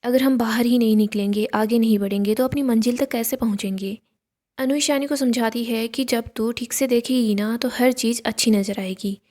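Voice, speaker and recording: Woman narrating a serial recap, slightly high voice. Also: steady tone, normal speed, warm tone.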